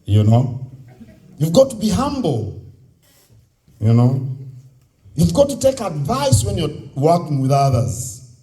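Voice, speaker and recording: Live on stage at a youth convention, a man with a Ugandan accent delivers a motivational public speech, exhorting listeners with repeated key phrases and rhetorical questions. His voice is a little high, mellow and sing-song, and he takes it slowly, pausing often.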